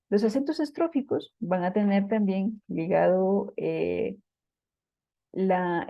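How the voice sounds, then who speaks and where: A woman gives a patient classroom lecture on poetry, often pausing to check that her students follow. Her voice is very dark and mellow and sits at an ordinary pitch. The sound is dry and close, with no room echo. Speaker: Spanish literature teacher.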